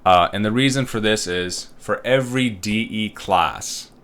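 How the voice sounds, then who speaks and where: A college instructor from Uzbekistan in his thirties leads students through a recorded online course. He is casual and rambling, packing in fillers and tag questions to check in, with a fairly low, fairly bright voice at a slightly slow pace.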